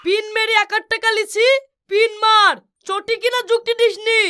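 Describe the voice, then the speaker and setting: A stingy, self-pitying village man from a comic cartoon, acted by a woman, weeping and complaining. The voice sits very high and bright. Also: level tone, moderate pace. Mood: scolding. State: crying.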